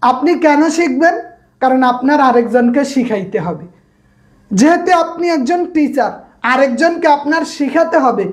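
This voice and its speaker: High-voiced woman teaching grammar. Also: darkish tone. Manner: repeats points and asks the class to echo them; checks in on students by name. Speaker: grammar instructor. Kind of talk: online class lecture.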